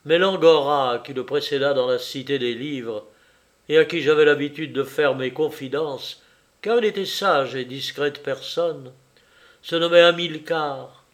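A man reading a literary novel aloud in a measured, wry and reflective storytelling manner. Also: fairly high pitch. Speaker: audiobook reader. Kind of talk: literary audiobook narration.

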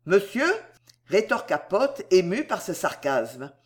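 Lively, slow-paced audiobook reader. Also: mid-range voice. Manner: lively, theatrical storytelling. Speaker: audiobook narrator. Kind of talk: expressive literary reading.

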